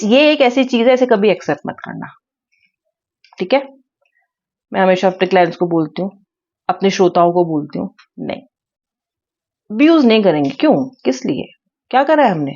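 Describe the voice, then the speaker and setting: A woman's voice: on the low side, darkish tone, highs cut off. A woman giving a tarot reading to her viewers, speaking earnestly and repeating her key words. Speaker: tarot reader.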